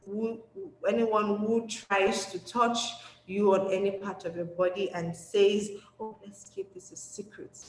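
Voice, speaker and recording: A woman teaching young children in a lively, encouraging way, speaking at a middling pitch. The recording has an echoey room with a faint background hum. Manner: animated, encouraging, repeats with "okay?". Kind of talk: children's safety webinar.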